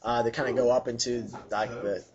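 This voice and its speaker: A man working as game master, improvising narration for a tabletop game in a casual, halting way as he searches for words. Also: medium pitch, level tone. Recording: dull lo-fi sound, chatter behind.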